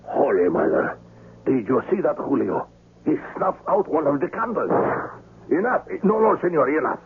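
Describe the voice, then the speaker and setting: A muffled, tinny vintage radio recording of a 1970s-style drama, where a man voices Messina, a suave, wary, courteous older underworld host with a husky sound. His voice sits a little high and the full character performance is very animated. He speaks in formal, measured, courteous tones while sounding shocked and pleading.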